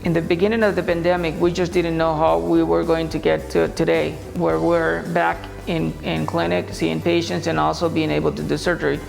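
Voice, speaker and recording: A man's voice: a little high, flat delivery, a little fast, creaky, few pauses, long reverb tail, soft background music. A man from Honduras, an orthopedic surgeon, giving an earnest video address with some fillers.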